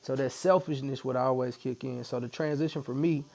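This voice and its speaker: A man in his forties from Missouri is a podcast guest getting tattooed in a tattoo studio. His medium-pitched, creaky voice moves a little fast as he chats casually, relaxed and joking, laughing often.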